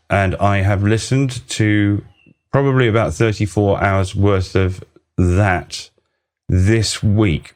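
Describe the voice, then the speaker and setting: Podcast host, man, low voice, rambling and animated. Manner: rambling, excitable, laughing. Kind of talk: casual podcast chat.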